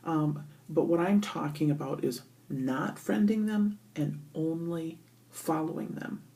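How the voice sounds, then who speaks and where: Echoey bathroom sound, middle-aged woman, low creaky voice, casual vlog chat, hesitant, thinking aloud. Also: measured pace, dark tone. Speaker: vlogger. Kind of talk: casual chit-chat to camera. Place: indoors, in a bathroom.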